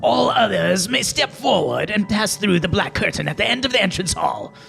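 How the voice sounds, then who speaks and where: Man putting on a raspy old hag. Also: sits high, animated, moderate pace, fairly bright tone, soft background music, voice pushed up, heavily acted. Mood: forbidding. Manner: stiff, forbidding announcement. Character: menacing skull-faced hag's visage on a magic door.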